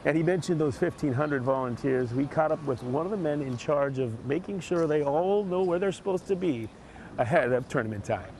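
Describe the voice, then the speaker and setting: A man field reporter delivering a live report outdoors at a golf course, speaking in a hushed on-site voice. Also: a little high, fairly quick, a little hiss or hum.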